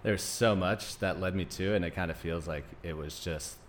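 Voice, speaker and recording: This low-voiced man in his thirties is a naturopathic doctor guesting on a podcast, and his background spans Greece, Denmark and Arizona. Speaking at an ordinary speed, he tells his story loosely and conversationally while faint background noise hums along.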